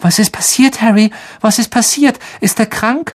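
A man voicing an excitable young boy who fires off eager questions. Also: sits high, normal speed, voice pushed up.

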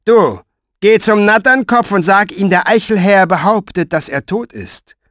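A man's voice: sits high, unhurried, a bit bright, no room sound, clean studio sound, voice pushed up. A man reading an audiobook, voicing a cruel, mocking male villain commander in a raised, sneering voice. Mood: menacing. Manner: mocking, menacing.

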